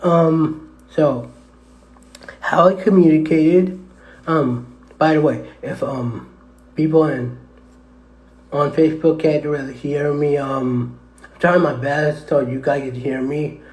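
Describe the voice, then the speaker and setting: A man's voice: a little high, fairly even intonation, darkish tone. A man chatting hesitantly on a live stream with lots of fillers, his voice echoing off the walls of a tunnel. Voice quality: hesitant, halting with many fillers. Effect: echoing tunnel reverb, voice bouncing around. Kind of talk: rambling live stream chat. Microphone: tablet microphone. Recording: echoey tunnel sound.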